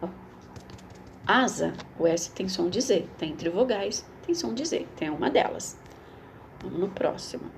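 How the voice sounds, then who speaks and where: A woman's voice: mid-range voice, expressive, vocal fry, slight background noise. A woman teacher, reading a schoolbook aloud and explaining it patiently to young children. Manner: patient, explains slowly, repeats words for children.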